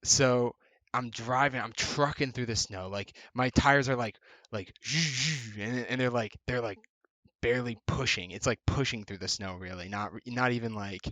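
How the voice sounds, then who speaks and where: A man's voice: medium pitch, normal speed, bright, forceful tone, no echo. A young man co-hosting a podcast, telling a story in a joking, laid-back way. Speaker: podcast co-host. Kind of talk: casual storytelling.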